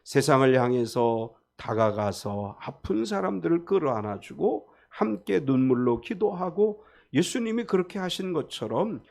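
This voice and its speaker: A man's voice: a little high, very animated, normal speed, creaky, few pauses, darkish tone. A man preaching a sermon as pastor, talking expressively and acting out the people he quotes.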